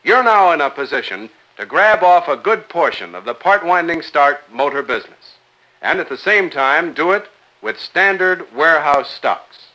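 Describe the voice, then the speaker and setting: A man co-announcing a 1950s company newsreel, reading news items in a brisk, upbeat announcing manner. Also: fairly high pitch, big pitch swings, sharp tone, rough recording.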